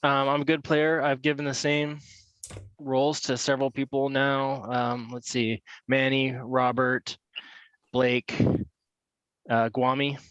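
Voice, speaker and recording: A man casually defending himself as a player in a game, halting and hesitant. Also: mid-range voice, flat delivery, a bit bright, dry recording, highs cut off.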